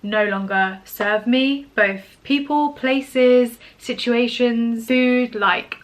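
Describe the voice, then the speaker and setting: A woman's voice: a little high, steady tone, slow pace. A woman, chatting casually to camera in an upbeat Q&A vlog, full of "like" and "do you know what I mean". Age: 20s. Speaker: lifestyle vlogger.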